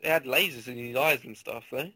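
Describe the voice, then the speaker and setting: A man's voice: mid-range voice, moderate pace, sharp tone, breathy edge. A man co-hosting a podcast, arguing his side playfully in casual banter. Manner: argumentative, playful. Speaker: podcast co-host.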